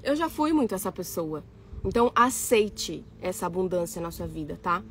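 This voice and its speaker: A woman's voice: on the low side, big pitch swings, moderate pace, fairly bright tone, slight background noise. A young woman from Brazil, an architect and influencer, chatting casually to her followers and reading their comments, emphatic and given to repeating phrases. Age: young adult. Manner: emphatic, repeats phrases, addresses audience as gente.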